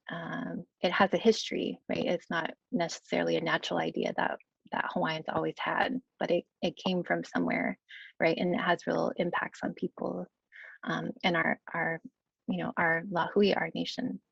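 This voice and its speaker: A woman's voice: on the low side, vocal fry, breathy edge, no echo, highs cut off. A young woman scholar answering questions on a video call, hesitant, with many fillers and "right?" tags. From United States, Kentucky. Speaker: guest scholar. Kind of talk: online Q&A answer.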